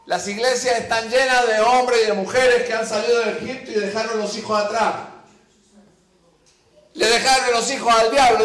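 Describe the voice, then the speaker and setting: A man's voice: very high voice, fairly bright tone. A man preaches a sermon. He reads scripture and slips into the voices of its figures. The sound rings through a roomy church hall. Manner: reads scripture then acts out the quoted figures.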